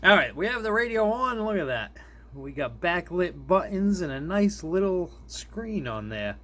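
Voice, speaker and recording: In a clearly noisy indoor room, a product reviewer demos a gadget hands-on, keeping it informal and chuckling frequently as he thinks aloud. He has a high, fairly bright voice, very animated, though a little slow.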